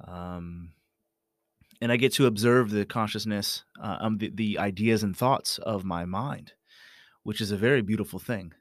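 A man with a fairly low voice gives a reflective motivational talk, recorded close and dry in a small closet studio. He speaks haltingly, like a guided meditation, and repeats phrases for emphasis. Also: no room sound. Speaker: host of a self-help podcast. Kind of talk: unscripted meditative motivational monologue.

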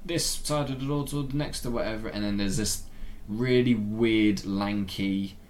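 A man's voice: lowish voice, normal speed, a little mellow. A man co-hosting a podcast in natural, unscripted casual chat, rambling and enthusiastic about films and games. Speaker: podcast co-host.

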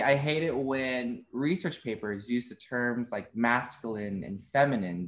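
A young man in his twenties talks openly as an interview guest. His voice sits at an ordinary middle pitch, and he is quick to laugh as he chats. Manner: open and chatty, laughs often. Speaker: content creator being interviewed. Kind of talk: casual interview chat.

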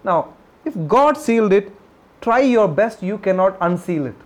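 A man's voice: sits high, very animated, normal speed. A man preaching a sermon as a pastor, emphatic and repetitive, reading scripture aloud and asking the congregation questions. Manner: emphatic, repeats key phrases, reads scripture aloud.

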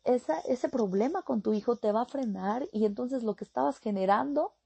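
A woman delivers a motivational coaching talk, often checking in with short rhetorical questions. Her voice is gravelly and husky, with a mellow, dark tone. The sound is dry and close. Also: fairly high pitch, normal speed, no echo. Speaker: life coach.

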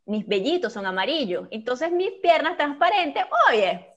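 Chatty Venezuelan woman, frank and lively. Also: high voice, moderate pace. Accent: Venezuelan Spanish. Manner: frank, chatty, laughing asides. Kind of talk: casual chat. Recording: dull lo-fi recording.

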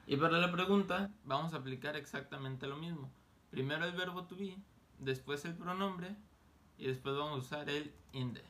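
A man giving an English lesson, patiently repeating example phrases slowly and clearly. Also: a little high, a bit bright. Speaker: English teacher. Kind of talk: language lesson.

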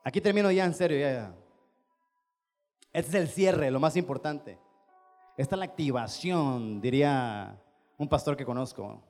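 A man's voice: medium pitch, normal speed, long pauses, a little mellow, faint music behind. A man with a Mexican accent preaching a sermon as pastor, emphatic and repetitive, firing rhetorical questions at his listeners. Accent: Mexican Spanish. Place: standing before a congregation.

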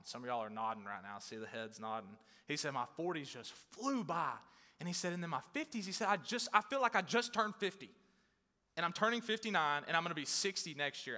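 A man in his thirties, a pastor giving a sermon in a conversational way, growing loud and intense on key points. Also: on the high side. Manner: conversational preaching, swelling loud on emphasis. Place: large church hall. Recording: long hall reverb.

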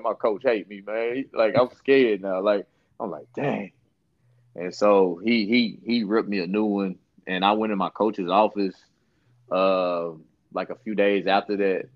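A young man, a basketball trainer, telling a story in a relaxed and slangy way as a podcast guest. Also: on the low side, normal speed, no room sound. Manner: laid-back, slangy, laughs while telling stories. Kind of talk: casual storytelling interview. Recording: dull lo-fi sound.

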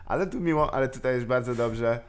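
A man in casual podcast chat, animated, swearing often and laughing a lot. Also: mid-range voice, fairly quick, clear, resonant tone.

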